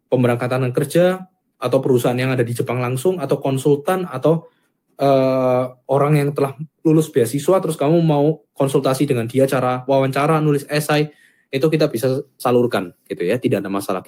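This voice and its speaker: Fast-talking man pitching a course. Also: a little mellow. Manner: chatty, fillers like gitu ya. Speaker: founder pitching a Japanese course. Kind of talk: casual sales pitch.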